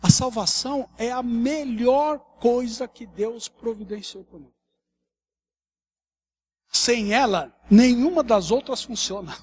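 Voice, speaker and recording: A pastor with a São Paulo accent preaches a sermon in a conversational, animated way. His voice sits high for a man and has a husky edge to it. He keeps checking in with the congregation through little tag questions. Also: takes it slowly. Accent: São Paulo Portuguese. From Brazil. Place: church hall.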